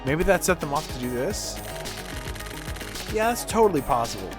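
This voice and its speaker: With music playing behind him, a male game streamer reads the game's text aloud in character. His voice is on the high side and very animated, and his theatrical, colloquial delivery moves at a moderate pace.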